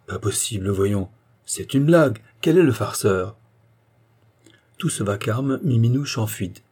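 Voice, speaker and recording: A male narrator reading a classic short story in a measured, steady way. His voice is low and mellow, with a husky grain.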